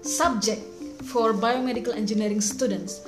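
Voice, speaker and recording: A woman podcast host asks questions in a conversational way. The room echoes clearly around her, with faint music behind. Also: fairly high pitch, steady tone, normal speed. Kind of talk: conversational interview.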